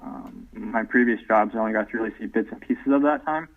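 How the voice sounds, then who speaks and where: A man in his thirties, a guest in a casual interview, talking easygoingly with lots of "um" fillers over low-quality remote call audio. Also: brisk. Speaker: podcast guest. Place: at home, away from the host. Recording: tinny phone-like remote line.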